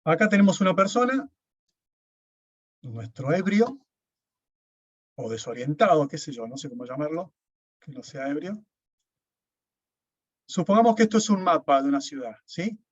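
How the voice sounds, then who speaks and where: A man's voice: fairly high pitch, very animated, normal speed, long pauses, no room sound. A man, lecturing an online class, explaining step by step and often checking with "¿sí?". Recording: dull, dry lo-fi sound.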